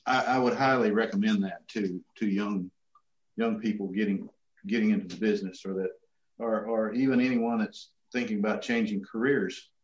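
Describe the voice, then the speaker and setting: A middle-aged man answering interview questions as a city manager, in a halting, folksy, casual way. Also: on the low side. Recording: muffled, echoey room sound.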